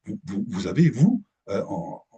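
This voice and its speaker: A man's voice: on the low side, wildly swooping pitch, a little slow, dark tone, husky. A middle-aged man giving a live management presentation to an audience, hesitant with many restarts. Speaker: speaker at a business breakfast talk.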